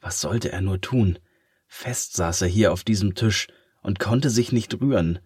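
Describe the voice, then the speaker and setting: A man calmly reading a children's story aloud as narrator. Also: lowish voice, unhurried, slightly rough, dry recording, studio quality.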